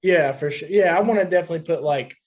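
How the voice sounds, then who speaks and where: A man's voice: a little high, fast talker. A young man from West Virginia, a guest musician talking loosely in a casual podcast chat, often saying dude.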